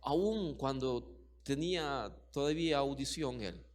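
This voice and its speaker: A man's voice: mid-range voice, takes it slowly. A middle-aged man preaching a sermon as pastor, emphatic and repetitive, full of rhetorical questions.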